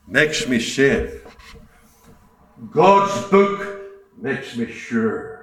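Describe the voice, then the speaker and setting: A man preaching a sermon in a meeting hall, earnest, with a repeating preaching cadence. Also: a little high. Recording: echoey hall, distant mic.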